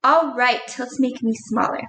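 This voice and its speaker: A woman's voice: on the high side, moderate pace, fairly bright tone, roomy sound, rough recording. A woman teaching a second grade phonics lesson, encouraging and spelling words out letter by letter. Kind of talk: recorded classroom lesson.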